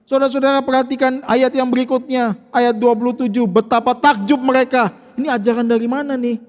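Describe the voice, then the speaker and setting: High-voiced preacher in a reverberant church. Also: male voice, fairly even intonation, fairly quick. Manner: conversational, asks the congregation rhetorical questions. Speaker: pastor. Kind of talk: sermon. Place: church sanctuary.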